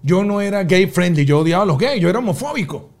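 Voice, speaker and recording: Speaking fast in a high voice, a man who is a father shares a personal story as a podcast guest. His conversational storytelling is emphatic and animated, and he acts out the shouts he's recounting.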